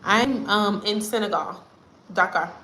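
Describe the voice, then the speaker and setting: Lively woman chatting in an echoey room. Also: mid-range voice, measured pace, slight background noise. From United States. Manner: animated and chatty, often laughing. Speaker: vlogger. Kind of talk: casual storytelling chat. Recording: roomy echo.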